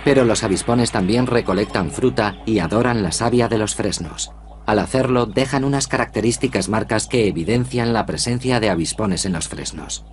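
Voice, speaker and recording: A man narrating a nature documentary from a script in a measured, explanatory manner. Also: fairly low pitch, slight background noise. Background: music.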